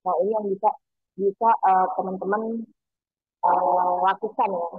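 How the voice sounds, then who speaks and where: A woman giving a webinar talk over online call audio that keeps breaking up, pausing often with filler sounds. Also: mid-range voice, little pitch movement, breathy edge, no room sound. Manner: halting, many filler sounds. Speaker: webinar speaker. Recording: tinny choppy call line, faint music.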